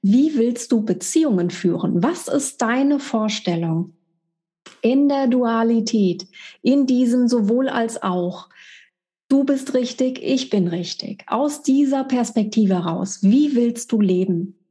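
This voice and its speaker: A woman's voice: a little high, expressive, slow pace, mellow. A middle-aged woman giving a monthly spiritual energy forecast, speaking directly and emphatically to the listener as a coach.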